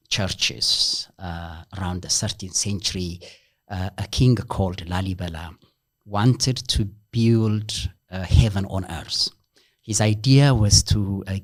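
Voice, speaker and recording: Thoughtful Ethiopian-born man, low voice. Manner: thoughtful, halting with many fillers. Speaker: guest, senior lecturer. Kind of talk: interview.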